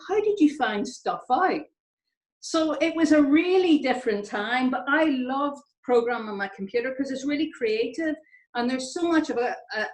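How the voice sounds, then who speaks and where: A Northern Irish woman in her fifties talks to students in a chatty, self-deprecating way, her voice pitched a little high. The video call picks up a roomy echo around her. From Northern Ireland. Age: 50s. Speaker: engineer on a panel. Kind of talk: informal talk to students.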